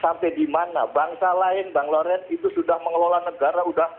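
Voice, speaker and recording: A male phone-in caller speaks over a thin, narrow phone line. His voice sits a touch high, and he lectures emphatically, piling up rhetorical questions. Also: steady tone, fairly quick, a little hiss or hum. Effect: phone-line caller heard through a call-in line. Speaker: caller to a TV talk show. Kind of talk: impassioned call-in commentary.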